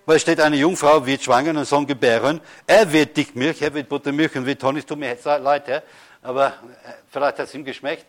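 Emphatic preaching pastor, slightly high voice. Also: male voice, fairly even intonation. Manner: preaching with emphatic slow stresses and rhetorical questions. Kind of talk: sermon.

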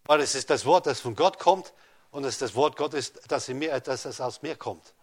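A man preaching a sermon, addressing listeners directly with rhetorical questions and swinging between loud rises and soft drops. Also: mid-range voice, normal speed. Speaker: pastor.

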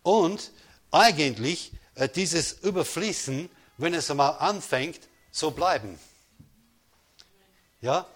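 Slow, emphatic male preacher. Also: on the high side, lively intonation, a bit bright. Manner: preaching with call-and-response, slows for emphasis. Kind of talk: sermon.

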